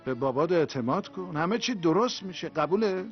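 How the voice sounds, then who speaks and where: A man voicing an anxious, expressive father. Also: a little high, natural voice. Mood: coaxing. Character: anxious father, coaxing then frantic. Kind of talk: dubbed TV drama. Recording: dull lo-fi TV audio with music.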